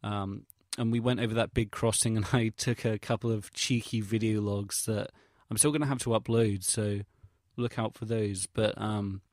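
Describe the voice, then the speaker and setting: A young adult vlogger from England, with an English accent, rambles casually through an audio log, hesitant and self-deprecating, full of slang and swearing. His fairly low voice is steady and a little mellow, at a moderate pace with hardly any pauses, in a dry, clean studio recording.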